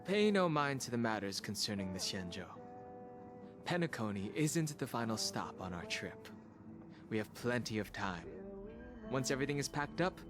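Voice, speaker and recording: An actor playing a reserved, dutiful young man in a video game, polite and composed in manner. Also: medium pitch. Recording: music behind the voice.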